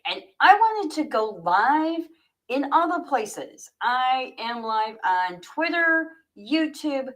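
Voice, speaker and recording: On a low-quality recording, a woman with a fairly high voice livestreams as an author, chatting informally and directly with viewers before moving on to read her own fiction.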